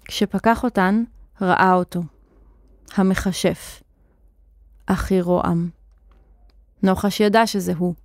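A woman narrates a children's story with clear, expressive storytelling at a middle pitch. The recording is dry and close. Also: pauses often, dry recording.

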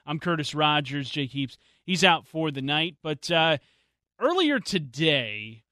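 A man hosting a sports talk show, giving his opinions in animated, casual chat on a studio mic. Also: fairly high pitch, unhurried, dry recording. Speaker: sports radio host.

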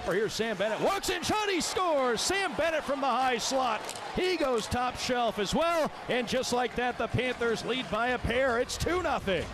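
A man doing rapid, excited hockey play-by-play as a radio announcer, over an arena broadcast. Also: very high voice, noisy background. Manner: excited goal calls.

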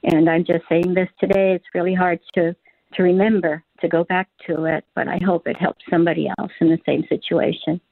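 An older woman calling in to a radio show over a phone line. She tells a personal faith story in an earnest, halting way, with many fillers and restarts. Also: lowish voice, level tone, vocal fry, no room sound. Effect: telephone line. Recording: tinny dry phone line.

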